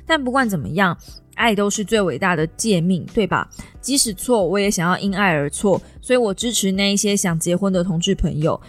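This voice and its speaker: A woman voicing a weary, earnest adult daughter who pleads and then reasons calmly. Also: mid-range voice, close to an everyday voice.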